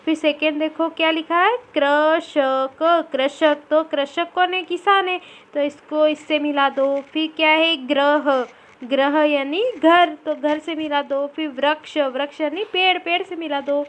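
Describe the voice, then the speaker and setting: Slow, high-voiced woman teaching phonics. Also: steady tone, fairly bright tone. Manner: repeats each word twice, syllable by syllable. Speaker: primary school teacher. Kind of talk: slow phonics lesson for children.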